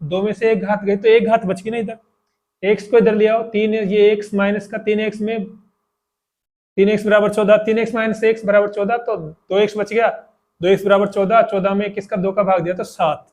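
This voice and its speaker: A man with a fairly high voice teaches a math lesson at the board. He walks through each step patiently and repeats it. He keeps asking his students questions as he goes. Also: flat delivery, normal speed, darkish tone. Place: classroom with boards.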